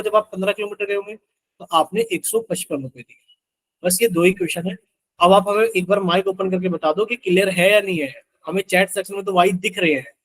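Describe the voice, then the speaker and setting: A man with a high voice teaches a live online math lesson. He works through the problem step by step and keeps stopping to ask the students whether it is clear. It sounds like a video-call class. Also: fairly bright tone, rough recording.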